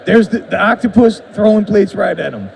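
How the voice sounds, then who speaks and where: A man's voice: sits high, lively intonation, a little fast, vocal fry, a little mellow. A man playfully commentating on someone playing his game, joking like a wrestling announcer. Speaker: game developer commentating a live demo. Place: busy expo show floor. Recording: noisy expo floor, mic far off.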